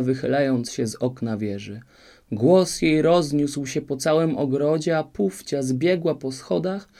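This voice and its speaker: Narrator: man, dark gravelly voice, expressive storybook reading. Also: medium pitch. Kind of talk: storybook fairy-tale reading.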